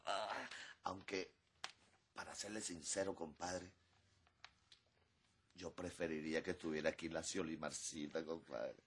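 An actor playing a comic, lazy husband recovering at home in a telenovela, with a whiny, joking manner. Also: male voice, low voice, fairly even intonation, measured pace, pauses often, slight background noise. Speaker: soap opera character. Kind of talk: telenovela comedy acting.

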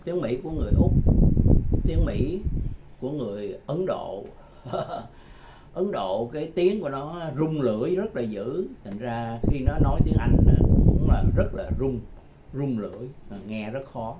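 Older male tutor, chatty and repetitive, in a dull lo-fi recording with loud noise behind. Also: medium pitch, lively intonation. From Vietnam. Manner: chatty, repeats phrases slowly, chuckles often. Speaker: English tutor. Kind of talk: casual self-made language lesson.

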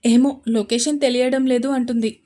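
A woman's voice: on the high side, expressive, normal speed, close to an everyday voice. A woman voicing a protective young man, urgent and commanding as he takes charge.

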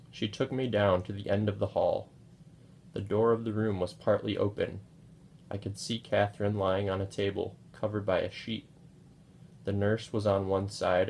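A man reading a novel aloud in a steady, understated way. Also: on the low side, gravelly, slight background noise. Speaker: audiobook reader.

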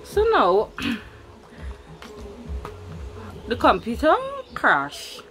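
A woman's voice: on the high side, huge pitch swings, extremely slow, over music, poor audio. A young woman with a Guyanese Creole accent tells a personal story in casual chat, repeating words for emphasis. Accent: Guyanese Creole English. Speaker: vlogger.

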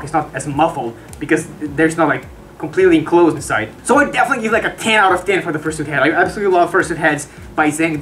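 A chatty, upbeat woman talking from inside a costume mask head, casually reviewing it with frequent restarts. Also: low voice. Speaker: fursuiter reviewing her own costume.

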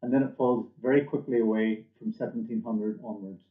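His voice sits lowish, with a steady tone and a fairly quick delivery, as this middle-aged man gives a scripted company product presentation from his desk. The webcam setting is an indoor room, and the audio comes through echoey and dully muffled.

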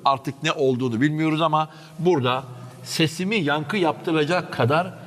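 A man's voice: fairly high pitch, moderate pace, a bit bright. A man guiding viewers through underground stone tunnels, speaking eagerly and straight to the audience, his voice echoing off the stone walls. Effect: voice echoing in an underground stone chamber. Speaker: history vlogger guiding an underground tour. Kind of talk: walking commentary to viewers. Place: underground cistern tunnels, indoors.

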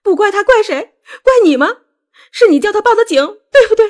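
A woman voicing a hysterical young wife who shouts and accuses in a shrill, tearful voice. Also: sing-song, a little fast. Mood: shrill hysteria.

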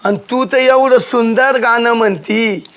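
A man's voice: very high-pitched, steady tone, measured pace, fairly bright tone, clean tone, full character voice. A man playing an easygoing village husband in a comedy skit, teasing his wife in a rustic way. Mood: bantering. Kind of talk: comic domestic banter.

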